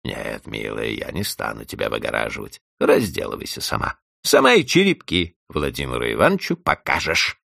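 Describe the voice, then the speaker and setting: A man's voice: low voice, huge pitch swings, a little fast, gravelly, fairly bright tone, no room sound, studio quality, exaggerated voice. A man voicing a spiteful, sarcastic middle-aged woman caretaker who scolds a child in a hissing, venomous tone.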